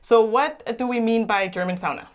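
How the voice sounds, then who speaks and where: A woman's voice: on the high side, a little fast. A woman from Guatemala in her thirties, co-hosting a casual chat and laughing often. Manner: laughs often, lively and chatty. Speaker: co-host. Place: home sauna room.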